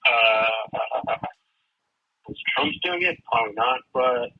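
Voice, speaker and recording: A man in his twenties calling in on a phone line whose audio glitches and cuts out, sounding muffled and talking in a hesitant, halting way full of fillers. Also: medium pitch, expressive, gravelly. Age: 20s. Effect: glitching, cutting-out phone audio. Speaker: caller. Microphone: phone call.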